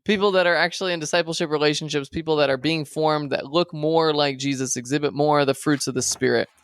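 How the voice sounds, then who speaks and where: A man's voice: fairly high pitch, fairly even intonation, quick pace, no echo, clean studio sound. A young man, a seminary student, co-hosting a casual podcast with friends, talking in a playful, easygoing way. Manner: playful, hypes things up in a mock announcer voice.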